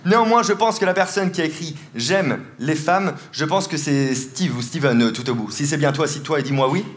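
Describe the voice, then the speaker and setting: A man whose voice is a little high, animated and brisk performs comedic mentalism on a big stage before a live audience. He teases the volunteers and laughs a lot as he speaks, and the show recording includes laughter and applause.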